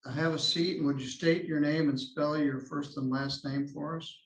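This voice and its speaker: A man presiding as judge over a court hearing, formal and measured, his voice going hoarse. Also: a little high, fairly even intonation. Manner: formal, measured legal phrasing. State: losing his voice. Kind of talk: courtroom proceedings. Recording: echoey courtroom audio.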